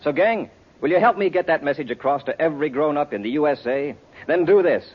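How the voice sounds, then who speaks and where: Earnest space commander, American, authoritative, lively pitch, muffled 1950s radio recording. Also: male voice, a little fast. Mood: solemn, earnest. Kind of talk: 1950s radio adventure serial acting.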